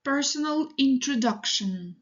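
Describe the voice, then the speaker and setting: A woman teaching English, reading model sentences for learners in a slow, deliberate, evenly paced way. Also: high voice, animated, dull audio.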